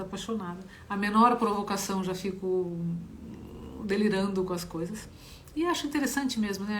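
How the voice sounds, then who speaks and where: A woman's voice: medium pitch, a little hiss or hum. A middle-aged woman, a singing teacher, gives a reflective live-streamed lesson and often checks in with a rhetorical "né?". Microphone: phone.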